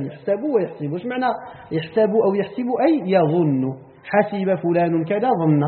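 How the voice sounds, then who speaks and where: A man's voice: high-pitched, in a large hall. Moroccan male teacher, patient and repetitive, sounds like an old radio broadcast over a thin, phone-like line. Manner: explains terms step by step, repeats key words, asks the class "clear?". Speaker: Quran commentary teacher. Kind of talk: classroom lecture on Quran vocabulary.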